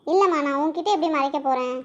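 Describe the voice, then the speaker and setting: Brief: sad young daughter voiced by a young woman, soft and high, amateur audio drama on a lo-fi recording. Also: fast, close to an everyday voice. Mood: subdued. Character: sad young woman missing her lover. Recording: dull, lo-fi recording.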